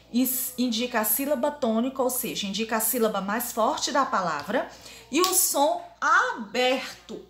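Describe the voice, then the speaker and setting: A woman teacher giving a grammar lesson to young pupils, saying example words over and over slowly. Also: on the high side, fairly bright tone. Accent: Brazilian Portuguese. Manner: drills words aloud, repeating them slowly. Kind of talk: primary school grammar lesson. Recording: echoey room.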